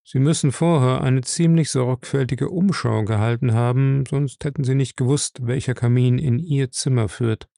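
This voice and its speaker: A man reading aloud, voicing a terse, Scottish-born detective in a low, gravelly voice. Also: moderate pace, hardly any pauses, warm tone, no room sound, clean studio sound, close to an everyday voice. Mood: explaining. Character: tense Scottish-born male police detective.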